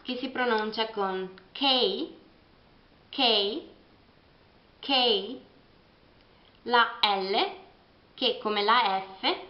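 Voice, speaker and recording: A young Italian woman with an Italian accent, an English teacher giving a beginner lesson and repeating each letter slowly. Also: fairly high pitch. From Italy. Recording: roomy, dull lo-fi home recording.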